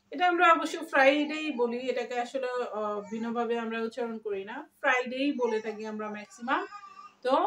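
A woman teaching English pronunciation, repeating each model word slowly and jumping up in pitch on it. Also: fairly bright tone, echoey room. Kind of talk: spoken language lesson.

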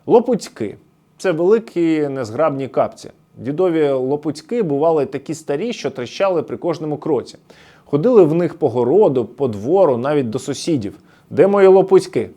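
A man's voice: a little high, expressive, normal speed, mellow. A man from the Luhansk region giving scripted documentary narration, storytelling nostalgically as he explains words one by one. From Luhansk region, Ukraine.

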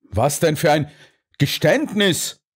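A man reading an audiobook, voicing a blustering, indignant restaurant owner who protests loudly and huffily. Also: a little high, lively intonation, measured pace, voice pushed up. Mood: protesting. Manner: huffy, loud, protesting.

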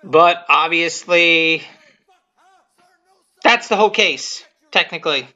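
With a medium-pitched voice and a slow pace, the maker of a fan video offers loose, rambling commentary on it, often saying things twice in different ways and swearing lightly. Music and a quiet cartoon soundtrack run behind the dull, lo-fi audio.

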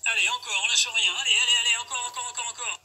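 A middle-aged man working as a fitness coach, giving workout instruction with shouted gym-bro encouragement. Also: extremely high pitch, steady tone, very fast. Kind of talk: workout instruction, counting reps. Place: outdoor garden terrace. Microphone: distant camera. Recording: outdoors from far off, noisy.

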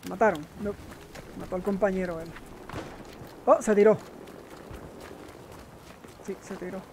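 An excitable gamer talks to themself through a shooter match, breaking into frustrated cries whenever the game fails them. The voice sits in a middle pitch, and clear gunfire and game sounds run beneath it. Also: a little slow. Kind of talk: live gameplay commentary. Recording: gameplay noise mixed under voice.

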